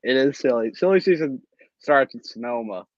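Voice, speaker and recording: A man hosting a podcast in an easygoing, teasing way. His voice sits in a middle pitch and sounds dry and close. The audio is dull and lo-fi. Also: animated, dry recording. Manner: joking, quick to tease. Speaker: podcast host. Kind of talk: casual chat.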